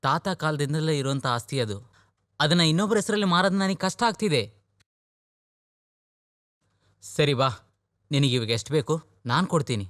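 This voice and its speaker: A man's voice: fairly high pitch, lively intonation, fast talker, a bit bright, no room sound, studio quality. A man voicing a worried, caring older brother in a dubbed film, speaking earnestly and coaxing. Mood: insistent. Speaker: film character in a dub.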